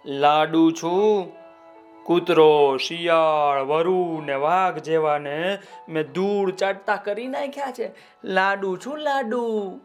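Boastful male sweet voiced by a man, children's story, slow sing-song boasts. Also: high voice, faint music behind. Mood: proud. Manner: bragging, sing-song rhymes. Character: boastful round sweet, male, cocky and cheerful.

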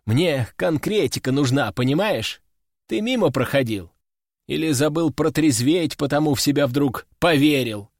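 A man voicing a calm, mocking male demonologist hero in first person. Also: fairly high pitch, normal speed, no echo, clean studio sound. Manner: laconic, mocking.

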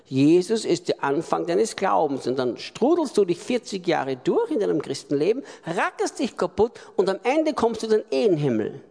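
A man preaching with a high, gravelly voice, hammering points home through repetition and sudden loud swells. His sermon rings out with the long reverb of a large hall. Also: very animated, moderate pace, hardly any pauses.

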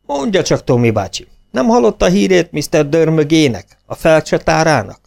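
A man's voice: on the high side, very animated, creaky, darkish tone, pitched above the performer's own voice. A man voicing a young English football captain, a shipowner's son, who talks eagerly and asks questions.

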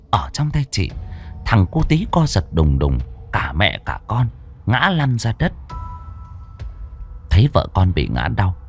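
A man narrating a village horror story in a dramatic reading style, slowing down for suspense. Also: lowish voice. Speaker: audiobook narrator.

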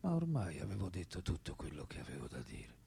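Playing an aged French philosopher in a radio drama, the actor uses an exaggerated, dark voice that sits low but swoops wildly in pitch. Unrepentant and measured, he often falls to a breathy whisper, his mood resigned and reflective.

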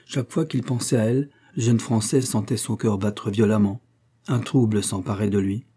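Husky-voiced male audiobook narrator. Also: lowish voice, fairly even intonation, normal speed, mellow. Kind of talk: scripted narration.

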